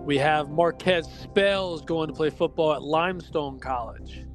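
A man's voice: on the high side, a little slow. Upbeat man hosting a sports podcast. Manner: upbeat, announcing names in a list. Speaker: podcast host. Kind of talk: casual sports podcast chat. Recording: music bed under the talk.

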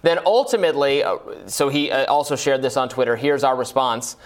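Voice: mid-range voice, a little fast. A news show co-host chatting casually about a story and reading out quotes. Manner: casual, reads out quotes with light laughs. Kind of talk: studio news chat.

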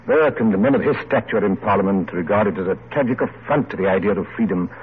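In a 1940s radio drama, an actor plays a genial, reflective older English man of letters who is courtly and oratorical, and the mood is grave and reflective. He talks fast in a fairly low, natural voice. The vintage radio recording is muffled and noisy.

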